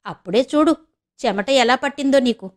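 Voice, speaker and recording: A woman voicing a scheming elderly mother who talks in a slow, knowing, insinuating way in an audio novel. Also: sits high, natural voice. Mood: sly. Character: scheming elderly village mother, sly and blunt.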